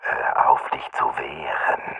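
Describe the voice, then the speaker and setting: A man voicing a menacing male attacker in a whispered role-play, with a slow, cold, hoarse whisper. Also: extremely low pitch, bright, forceful tone, no room sound, far from the mic, pitched below the performer's own voice, heavily acted. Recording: phone-like narrow band.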